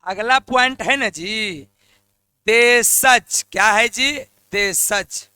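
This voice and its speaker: A man teaches an exam-prep grammar lesson in a high, bright, crisp voice. He goes slowly, repeats each term and makes his students call it back, in a casual manner. The sound is close and dry. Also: no room sound. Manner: repeats key terms and prompts students to say them back; colloquial, addresses viewers as lions and lionesses.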